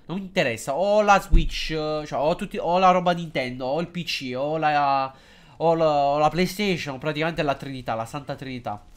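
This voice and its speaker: A man giving casual, excitable and jokey live commentary while streaming a game, hesitant and halting whenever he switches into English. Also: fairly high pitch. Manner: excitable and jokey, swings between loud outbursts and mumbling.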